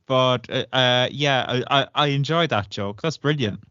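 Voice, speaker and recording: A man's voice: mid-range voice, unhurried, sharp tone, smooth, dull audio. A man co-hosting a podcast in casual chat, easygoing, with stammering restarts. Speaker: podcast co-host.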